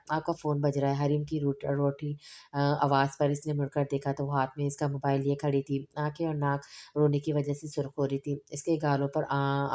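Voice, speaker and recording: A woman narrating an audio novel in a steady, even reading. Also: sits low.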